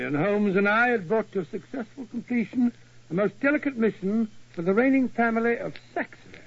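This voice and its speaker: Older English doctor, English accent, high-pitched, bluff, blustery, amiable grumbler, radio drama, dull vintage sound. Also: male voice. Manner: blustery, muttering, puzzled interjections. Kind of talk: 1940s radio acting. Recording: muffled vintage radio recording.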